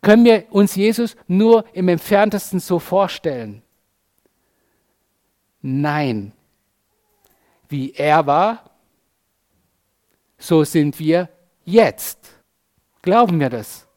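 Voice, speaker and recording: A man preaching a sermon in a casual, conversational way, often tagging his sentences with quick questions to the listeners. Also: high voice, animated, a little mellow.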